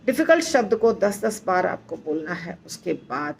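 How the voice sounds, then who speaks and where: A woman teaching recitation, explaining slowly and patiently, repeating words syllable by syllable and reassuring her students. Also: fairly low pitch, big pitch swings, creaky, a little hiss or hum. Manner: reassuring, instructive. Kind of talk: slow explanatory lesson.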